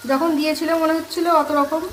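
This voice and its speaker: Fast-chatting hoarse woman vlogger. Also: sits high, little pitch movement, echoey room, slight background noise, low-quality recording. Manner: chatty, addresses viewers as friends. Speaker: home cooking vlogger. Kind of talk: casual chat to viewers while cooking. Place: home kitchen. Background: frying and sizzling.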